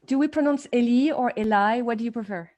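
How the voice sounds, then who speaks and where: A woman's voice: fairly high pitch, fast, a little mellow, muffled recording. A woman hosting a live video interview, eager and enthusiastic with her guest. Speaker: host. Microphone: video call.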